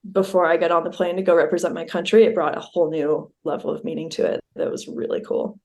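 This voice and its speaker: A woman's voice: on the low side, steady tone, quick pace, darkish tone. A young adult American woman, a guest on a podcast, chatting casually with lots of ums and easy laughter. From United States. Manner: easygoing, laughs often, many ums. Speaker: podcast guest, Olympic sailor. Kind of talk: casual chat.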